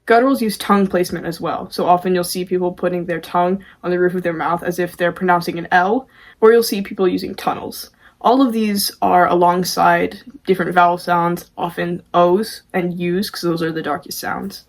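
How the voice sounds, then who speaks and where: A woman's voice: on the low side, fairly even intonation, fairly quick. A woman presenting a tutorial casually, with an informal, self-deprecating way of talking. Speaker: amateur vocalist presenting a tutorial.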